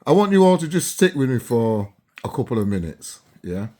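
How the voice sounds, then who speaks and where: A chatty vlogger in his seventies, originally from Barbados, talks casually to camera and keeps checking in with his viewers. His mid-range voice has big pitch swings and a darkish tone at normal speed.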